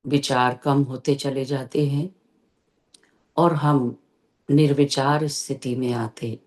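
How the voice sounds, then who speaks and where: In a steady, mid-range voice, a teacher guides a meditation session, giving gentle directions with lengthy pauses between phrases.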